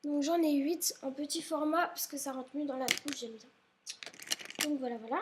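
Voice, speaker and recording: A young woman speaks at normal speed in a high-pitched voice, vlogging from indoors at home. Chatting casually about her school supplies, she rambles and apologizes often, and she comes across as a bit sick, maybe congested.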